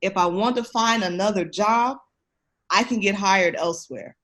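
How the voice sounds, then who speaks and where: With a mid-range, slightly bright voice at normal speed, a woman speaks as an interview guest on a podcast, where she's an education researcher. Her manner is emphatic and encouraging as she addresses listeners directly.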